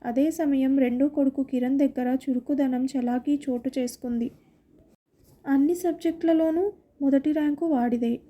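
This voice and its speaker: A woman narrating a scripted family story in a steady, plain reading voice. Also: sits high, moderate pace.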